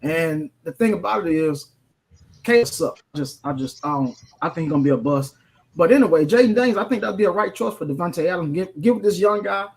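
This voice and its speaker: A man's voice: high voice, lively intonation, a little fast, gravelly. A man co-hosting a casual sports radio show, rambling with many fillers. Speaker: co-host.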